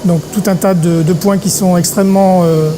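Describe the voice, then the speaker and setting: A middle-aged man from Paris, an event organizer talking in an interview, pausing often on filler sounds. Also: high voice, fairly even intonation, noisy background. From Paris, France. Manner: hesitant, many filler sounds. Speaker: congress organizer. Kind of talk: interview monologue.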